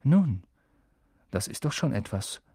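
A man's voice: medium pitch, expressive, warm tone, no room sound, clean studio sound. A man playing a melancholy cryptic centaur. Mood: solemn. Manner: slow, solemn, evasive. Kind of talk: audiobook character voice.

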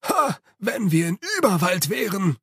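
A man voicing an excitable male servant in an audiobook, with a high, strained, emphatic voice and a dry close sound. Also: a little slow, slightly rough, no echo, exaggerated voice. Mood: eager.

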